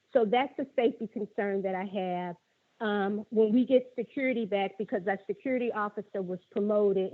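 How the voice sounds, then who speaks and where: A middle-aged woman calling in by phone to a public forum, earnestly working through her prepared points one by one. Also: mid-range voice. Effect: tinny phone line. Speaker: caller at a public budget forum. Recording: narrow phone-line audio.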